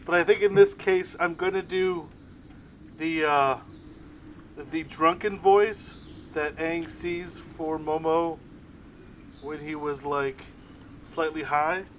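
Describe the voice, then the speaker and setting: A man's voice: fairly high pitch, steady tone, slow, long pauses, a little hiss or hum. A man running a tabletop game as game master, narrating casually and thinking aloud.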